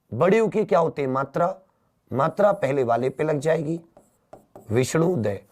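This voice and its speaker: Slow, lively-pitched male teacher. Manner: drawn-out, questioning students, repeating words for emphasis. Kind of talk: exam-prep grammar lesson.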